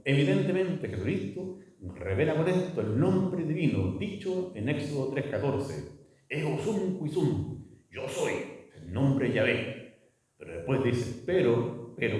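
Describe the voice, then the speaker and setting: A man, a priest, giving a lively lecture with rhetorical questions and acted-out dialogue. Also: medium pitch. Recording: echoey hall, voice from far off.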